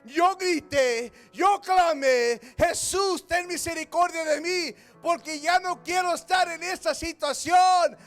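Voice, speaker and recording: A preacher acting out a desperate blind male beggar who cries out loudly for mercy. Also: very high-pitched, takes it slowly, few pauses, faint music behind, voice pushed up, full character voice. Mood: pleading. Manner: loud pleading cries.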